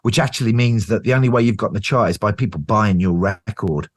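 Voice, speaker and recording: A man's voice: fairly low pitch, fast. A middle-aged British man, a band singer as guest, telling road stories in a casual interview, swearing freely and acting out what people said. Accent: British English. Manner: animated storyteller, swears freely, acts out quotes.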